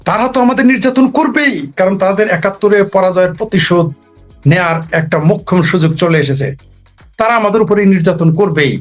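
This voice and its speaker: A man giving an impassioned political talk, rhetorical and emphatic, repeating his points. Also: high-pitched. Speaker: political commentator.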